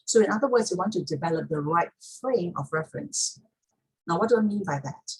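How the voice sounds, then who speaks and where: A woman's voice: fairly low pitch, lively intonation, fairly quick, poor audio. A woman teaching pronunciation step by step in an instructional talk, repeating key points for emphasis.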